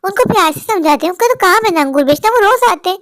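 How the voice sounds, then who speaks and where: Gentle cartoon mother, as a woman puts her on. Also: extremely high pitch, fast, no room sound, studio quality. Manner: soft calm explaining.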